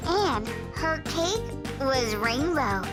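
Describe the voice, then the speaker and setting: A woman's voice: sits high, very animated, extremely slow. A woman reading a children's fairy tale in a sing-song storybook manner. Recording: with loud music behind.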